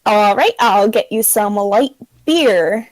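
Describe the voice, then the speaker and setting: A woman's voice: mid-range voice, animated, slow, no echo, poor audio. A woman voicing an easygoing elf bartender in a tabletop game, casual, obliging and slightly hesitant. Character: easygoing elf woman tending a fantasy tavern bar.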